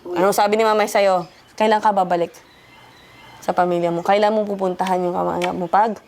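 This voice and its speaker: A woman's voice: mid-range voice, steady tone, a little fast, darkish tone, slight background noise. Woman, parent figure, stern lecturing delivery, pointed questions, mid-range voice. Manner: scolding, asks pointed questions. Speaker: parent figure counseling a youth.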